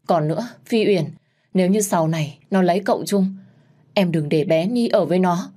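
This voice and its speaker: A woman voicing the spirit of a gentle dead woman, who speaks in a pleading, tearful way. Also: fairly low pitch, animated, moderate pace, slightly rough.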